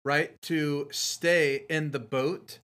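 A man's voice: on the high side, fairly even intonation, drawn-out words, a bit bright. A man, a guest on a faith talk show, speaking earnestly and encouragingly, often ending with "right?". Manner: earnest, encouraging, fond of tag questions.

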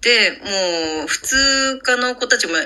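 Woman podcast co-host; easygoing, laughs often, bright and lively delivery. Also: fairly high pitch, smooth. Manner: easygoing, quick to laugh, many short agreements. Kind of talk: casual chat.

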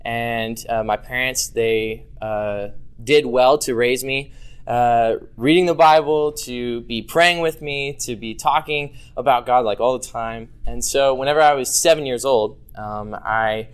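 A man's voice: medium pitch, a little slow, clean tone. A young man telling his personal faith testimony in a casual way, full of fillers and acting out bits of dialogue from his childhood. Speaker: youth ministry volunteer.

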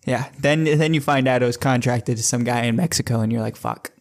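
A man's voice: mid-range voice, quick pace. A man co-hosting a comedy podcast in casual chat, teasing his partner, swearing freely and laughing often. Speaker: podcast co-host.

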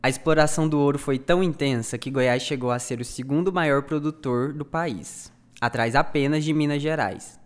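A man narrating a history podcast from a script, clear and didactic, addressing the listener directly. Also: medium pitch.

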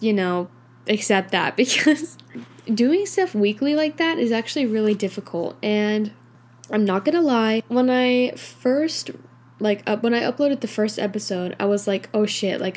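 A woman's voice: medium pitch, a little mellow. Young woman, podcast host, casual solo talk, candid and rambling, tired, lots of filler words. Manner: candid, rambling, heavy use of filler like and you know. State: tired, yawning.

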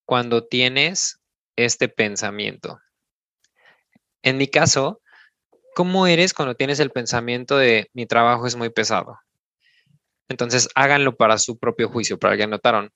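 Walking listeners through an exercise step by step, this podcast coach speaks with a Mexican accent and frequently tags his sentences with "¿no?" in an instructive style. His voice is medium in pitch and sharp in tone, with no echo.

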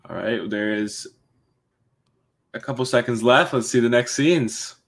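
A man's voice: mid-range voice, a little slow. A man hosting a casual interview, friendly and informal. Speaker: interviewer host.

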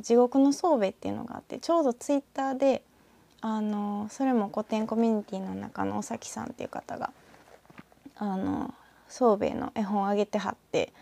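A woman with a Kansai accent, her voice a touch high and creaky, with a dark, mellow tone. She talks in a rambling, reflective way and lets her asides drop to near whispers. The recording is dry and close. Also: no echo. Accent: Kansai, northern Osaka. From northern Osaka, Japan. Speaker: podcaster. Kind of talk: casual solo talk with a short reading.

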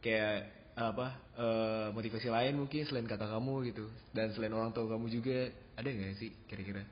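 A man hosting a podcast interview, asking relaxed questions full of fillers. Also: on the low side, brisk, a little hiss or hum. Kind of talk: casual interview chat. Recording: dull sound with long reverb.

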